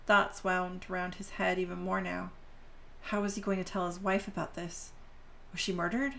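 Gravelly-voiced woman podcast host. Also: on the low side, fairly bright tone, a little hiss or hum. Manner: addresses listeners directly. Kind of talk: reading a story aloud and chatting with listeners.

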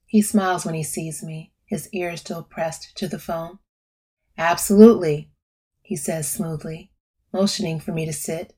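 Husky woman reading a first-person audiobook, low voice, dry delivery. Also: fairly even intonation, moderate pace, darkish tone. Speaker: audiobook narrator. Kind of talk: scripted first-person narration.

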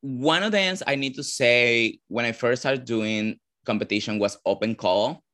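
A man from Venezuela with a Venezuelan Spanish accent, a drag performer answering interview questions casually, often pausing to search for words. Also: mid-range voice, a bit bright. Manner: searching for words, frequent "like" fillers.

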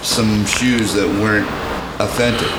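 A man's voice: on the low side, unhurried. A man chatting casually as a podcast guest, with hesitant phrasing and some casual swearing. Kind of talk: casual chat. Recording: loud steady room noise.

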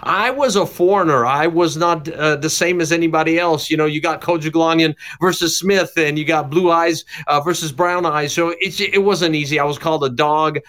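A man's voice: fairly high pitch, steady tone, normal speed, hardly any pauses, fairly bright tone. A man from Jerusalem, a cardiologist and evangelist, giving his testimony in an interview with fervent, preacher-like emphasis.

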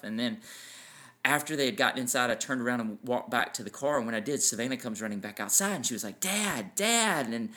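A man's voice: medium pitch, fairly bright tone. A man in his forties co-hosting a casual family podcast, telling sentimental stories and laughing easily. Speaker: podcast co-host.

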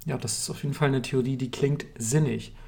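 A man's voice: mid-range voice, steady tone, fairly quick, vocal fry, darkish tone. A young German man co-hosting a podcast, chatting casually and enthusiastically in slangy, rambling runs. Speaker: podcast co-host. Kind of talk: casual chat.

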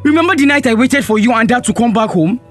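A man's voice: very high-pitched, expressive, quick pace, faint music behind. A young man with a Nigerian accent playing a resentful, neglected teenage son in a radio drama, confronting his mother. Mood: aggrieved. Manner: confrontational, accusing.

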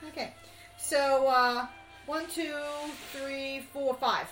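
A woman with a somewhat high voice plays a tabletop game, talking very slowly and playfully. The sound is echoey, with faint music under it. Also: steady tone, a bit bright. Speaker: player. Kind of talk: casual tabletop play.

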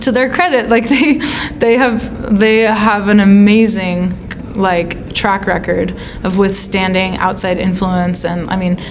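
A woman's voice: medium pitch, little pitch movement, measured pace, hardly any pauses, a little hiss or hum. An American woman from California answering as an interviewed songwriter, in a casual, thoughtful style with searching phrasing. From California, United States.

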